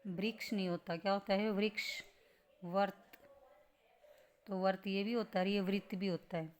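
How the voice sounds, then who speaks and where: A woman's voice: medium pitch, fairly even intonation, normal speed, a little mellow, smooth. Woman teaching spelling with rhetorical questions. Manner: explains patiently with rhetorical questions and "theek hai". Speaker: Hindi grammar teacher. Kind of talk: spelling lesson for exam students.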